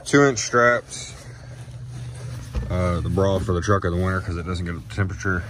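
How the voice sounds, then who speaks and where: A man's voice: deep voice, normal speed. A man giving a casual walkaround tour of his farm truck outdoors, listing tools with many hesitations, recorded on a handheld phone. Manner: rambling, listing items with many "uh"s. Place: outdoors by a pickup truck, phone camera in hand. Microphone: handheld phone camera. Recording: noisy outdoor phone audio.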